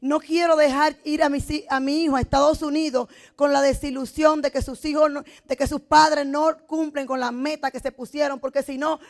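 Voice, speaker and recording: A woman's voice: sits high, flat delivery, moderate pace, hardly any pauses. A middle-aged woman who gives a motivational business testimony and tells her story with emotion and drama. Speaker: network marketing speaker.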